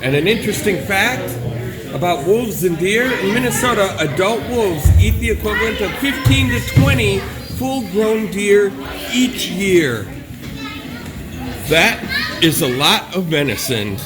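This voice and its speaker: Slow-paced, marveling vlogger over music. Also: medium pitch, lively intonation. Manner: awed, exclaiming, marveling. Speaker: host of a travel video channel. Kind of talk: casual vlog narration of animals. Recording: music behind the voice.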